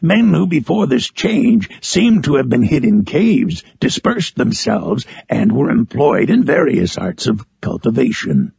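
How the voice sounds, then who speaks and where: Solemn man-made monster, heavy gravelly fry, yearning and eloquent, audiobook storytelling, dry close sound. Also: medium pitch, big pitch swings, darkish tone, no echo, exaggerated voice. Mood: elated, solemn. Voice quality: harsh, gravelly, raspy. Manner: solemn, eloquent, drawn-out phrasing. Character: Frankenstein's monster, lonely, articulate, yearning man-made creature. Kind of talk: dramatic audiobook narration in character.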